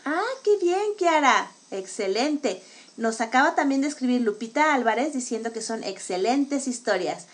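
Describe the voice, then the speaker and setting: Female host of a children's storytelling show, upbeat, slightly high-pitched, reading out viewer comments. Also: lively intonation, moderate pace. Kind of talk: live program hosting, reading out viewer messages.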